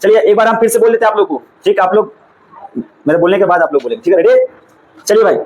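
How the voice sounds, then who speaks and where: Very high-voiced teacher. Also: male voice, poor audio. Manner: brisk, prompting, urging students to speak louder. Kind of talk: classroom drill, call-and-response. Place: classroom.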